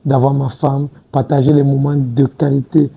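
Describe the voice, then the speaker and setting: A man's voice: mid-range voice, flat delivery, moderate pace, creaky, mellow, husky, poor audio. A man in his twenties, a guest in a studio interview, talking casually and hesitantly, restarting words and often adding "tu vois un peu". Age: 20s. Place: TV studio set.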